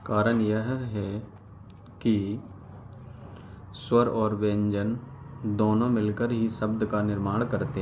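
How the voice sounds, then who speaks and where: A man teaching a grammar lesson, explaining step by step, repeating key terms and answering his own questions. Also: on the low side. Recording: dull lo-fi recording with background noise.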